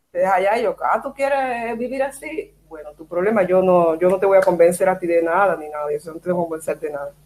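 Cuban woman, animated talk over video call. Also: lowish voice, quick pace. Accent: Cuban Spanish. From Cuba. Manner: animated storytelling, quotes herself. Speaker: guest. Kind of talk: casual chat.

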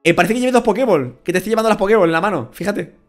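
A young Spanish man calls a game with a co-player, his voice pitched a little high and swinging widely as he jokes and swears. He breaks into shouts when something surprising happens. Faint game music plays behind him. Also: lively intonation, racing. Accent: Spanish from Spain. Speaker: gaming YouTuber. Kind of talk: casual Let's Play commentary with a co-player.

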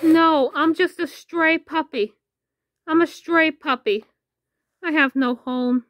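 A woman's voice: high-pitched, slow pace, fairly bright tone, no room sound, clean studio sound. A woman voicing a small, scared stray male puppy who talks in a timid, then eager, way, in a fan-made toy parody.

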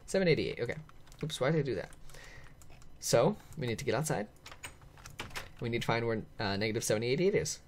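A man narrating his video game play to viewers in an excitable, chatty way, laughing often and reacting out loud. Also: mid-range voice, brisk, pauses often, a little hiss or hum. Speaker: gaming channel host. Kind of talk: let's play commentary.

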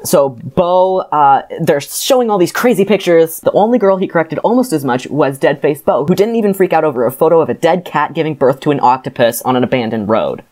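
Woman podcast co-host, low voice, sardonic, filler-heavy recap. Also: animated, fairly quick, hardly any pauses, darkish tone. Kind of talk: casual book recap.

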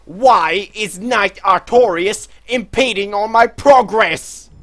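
A man voicing a pompous, prim British gentleman in a put-on posh British accent, scolding in a haughty, drawn-out way during game commentary. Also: high-pitched, voice pushed up. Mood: indignant. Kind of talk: let's play commentary.

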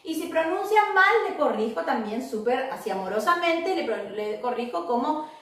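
A woman teacher, giving an online English class to children, upbeat and slowly modelling words for them to repeat. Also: high-pitched, lively intonation, fairly bright tone. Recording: echoey room, voice far from mic.

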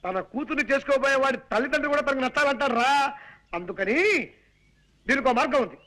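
An actor playing a chatty, meddling best friend who hands out advice in a comedy film. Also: male voice, extremely high pitch, fast talker, pushed and bright. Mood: advising. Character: meddling comic best friend, young man. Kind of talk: Telugu comedy film acting.

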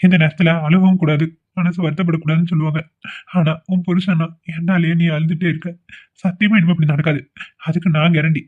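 A man's voice: a little high, flat delivery, fairly quick. A man voicing the characters in a cartoon drama, pleading and apologetic. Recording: tinny phone-like audio.

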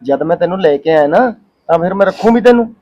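A man playing a young husband who gently reassures his wife. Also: high-pitched, lively intonation, quick pace, dull audio. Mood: reassuring. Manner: reassuring, casual. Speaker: actor. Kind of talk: village short-film acting.

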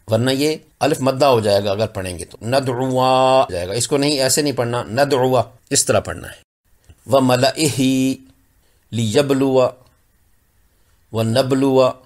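A man from Pakistan teaching Quran recitation rules, repeating example words slowly and carefully. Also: medium pitch, a little mellow. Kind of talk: slow explanatory lesson with recited examples.

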